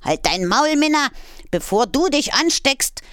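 A woman voicing a scruffy, grumpy old tomcat in a storybook reading, talking gruffly. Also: sits high, sing-song, unhurried, fairly bright tone, dry recording, clean studio sound, voice pushed up, exaggerated voice. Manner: gruff, grumbling.

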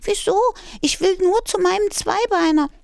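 Woman doing a high, timid little kitten. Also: normal speed, gravelly, dry recording, clean studio sound. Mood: plaintive. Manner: high, plaintive.

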